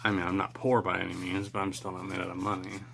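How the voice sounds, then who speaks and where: A man's voice: deep voice, level tone, quick pace, gravelly, background noise. A man chatting casually and unscripted as he hosts a card-pack opening video, musing in a rambling, self-deprecating way. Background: cards being shuffled.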